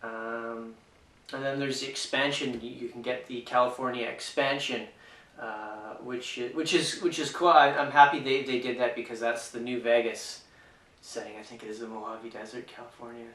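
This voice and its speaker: A man's voice: mid-range voice, steady tone, normal speed, fairly bright tone. A man giving a casual, unscripted board game review, hesitant and full of fillers and restarts. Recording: echoey room, mic far off.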